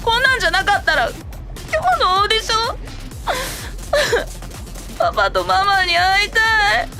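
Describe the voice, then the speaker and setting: A woman's voice: extremely high pitch, fast talker, gravelly, pushed and bright, faint music behind, heavily acted. Woman voicing a weepy homesick anime boy. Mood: tearful. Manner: whiny, sobbing. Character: weepy homesick young male idol trainee.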